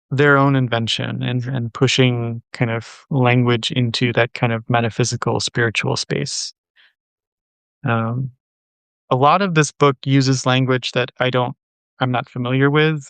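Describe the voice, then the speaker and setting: A man with a smooth, resonant voice at an ordinary pitch reads poetry aloud at a measured pace. Between poems he thinks aloud, hesitant and full of fillers. The recording is dry and close, with no room echo. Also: a bit bright. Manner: measured, unhurried poem reading. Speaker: poetry channel host. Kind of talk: poetry reading and casual discussion.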